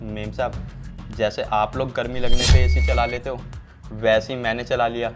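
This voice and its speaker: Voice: mid-range voice, flat delivery, normal speed, close to an everyday voice. An actor playing a meek, pleading male servant. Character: timid, humble male household servant. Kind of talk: scripted Hindi skit acting. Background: loud background music.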